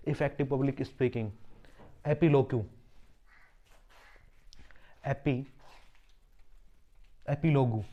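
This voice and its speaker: A man's voice: medium pitch, dark tone, muffled recording. A man teaching English vocabulary for an exam, spelling each word letter by letter and explaining roots and meanings, often repeating words and asking himself rhetorical questions. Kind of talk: exam-prep vocabulary lesson.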